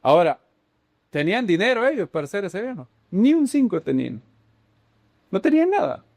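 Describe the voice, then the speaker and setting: Animated preacher, dry sound. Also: male voice, moderate pace, creaky, no echo. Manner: animated storytelling, voice jumping high for emphasis. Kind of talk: sermon.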